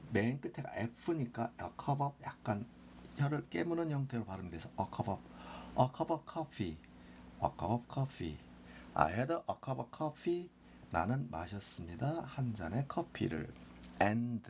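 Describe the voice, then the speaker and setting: Male English teacher, lively pitch, slow drilling delivery. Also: a little hiss or hum. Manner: repeats phrases slowly for drilling. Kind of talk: slow explanatory lesson.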